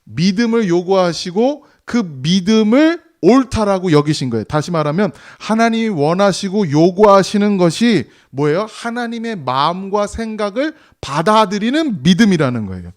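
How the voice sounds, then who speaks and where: A man's voice: sits high, sing-song, moderate pace, few pauses. A male pastor preaching a Sunday sermon in a conversational way, asking the congregation rhetorical questions and acting out quoted voices. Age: 40s or older. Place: church sanctuary.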